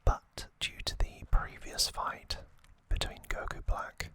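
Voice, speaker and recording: An ASMR host, male, whispers a relaxed recap without voicing, breathy and hesitant in an intimate way. The sound is bright and pushed.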